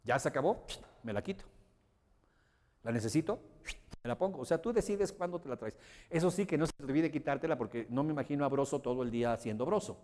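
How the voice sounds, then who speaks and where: A man leading a motivational seminar, emphatic and often asking his audience whether he is being clear. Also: medium pitch, animated, fast, darkish tone. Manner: emphatic, checks understanding with rhetorical questions. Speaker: motivational course instructor. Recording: long hall reverb.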